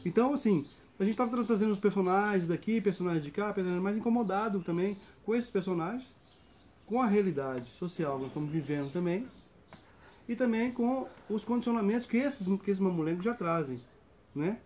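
A man who works as a mamulengo puppeteer, explaining his craft casually and speaking in quick bursts with restarts. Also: high voice, slight background noise. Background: loud guitar music.

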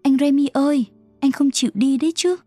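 A woman's voice: high voice, fairly even intonation, brisk, warm tone, no echo, soft background music, pitched above the performer's own voice, lightly acted. Woman doing a pleading sickly little boy. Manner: pleading, raised voice.

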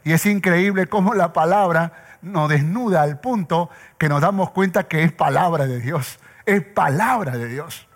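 A man's voice: a little high, unhurried. A man preaching a sermon as a pastor, driving his points home through emphatic repetition. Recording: long hall reverb.

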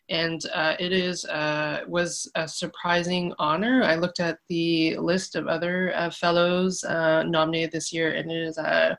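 A woman in her thirties, an architect talking modestly over a remote call, with many pauses and fillers. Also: sits low, fairly bright tone. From Canada. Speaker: architect and guest. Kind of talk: casual interview.

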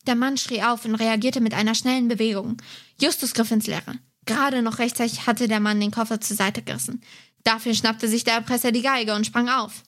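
A woman reading a detective story aloud in a steady, measured way. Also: on the high side. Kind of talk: reading a novel excerpt aloud.

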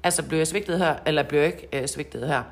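A woman's voice: deep voice, creaky. A woman co-hosting a casual podcast chat, a coach who talks in a chatty, laughing way and often repeats words.

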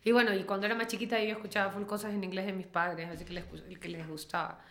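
A woman's voice: medium pitch, flat delivery, fast. A woman in her thirties, a singer-songwriter talking casually in an interview, chatty and often trailing off to restart. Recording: roomy echo.

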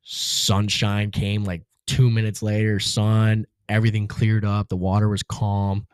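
A man's voice: on the low side, monotone, measured pace, smooth, dry recording, studio quality. A man guest on a podcast, telling a personal story in a casual, laid-back way, full of slang like "dude" and "bro".

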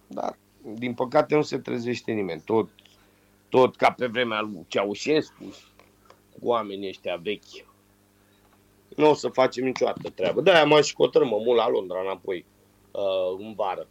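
A man's voice: medium pitch, creaky, dry recording. A man calling in as a football pundit, ranting in heated sports talk, his nose stuffed up from a cold, over a muffled phone line. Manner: animated, ranting.

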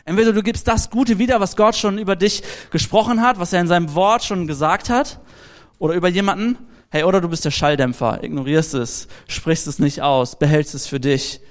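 A young man gives a relaxed, storytelling sermon and talks straight to the people in front of him. His voice sits fairly high for a man, and he keeps the talk personal and informal. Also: brisk. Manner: lively, anecdotal, direct address to the audience. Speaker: preacher. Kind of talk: casual youth sermon.

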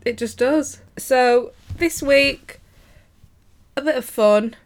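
A woman's voice: sits high, slow pace. A young woman hosting a podcast, chatting casually in a playful way and laughing often. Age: 20s. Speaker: podcast host. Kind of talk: casual chat.

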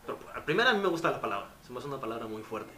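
A young Mexican man speaks very fast at a medium pitch with a Mexican accent, telling stories in casual, slangy chat. His retellings are animated, and the recording sounds roomy with faint noise.

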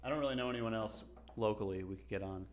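A man's voice: fairly low pitch, fast talker. A man co-hosting a casual podcast, rambling and joking with frequent laughs. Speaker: podcast co-host. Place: local to Las Vegas.

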